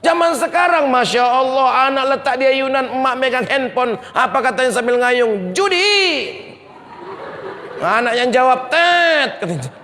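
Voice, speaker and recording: A man gives a humorous sermon, and his voice sits high. He tells lively stories, acts out quotes and talks straight to the crowd. A long reverb from the hall trails each phrase. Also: moderate pace, few pauses, a little hiss or hum. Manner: lively storytelling with acted-out quotes and crowd address. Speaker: preacher. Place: mosque hall, live event.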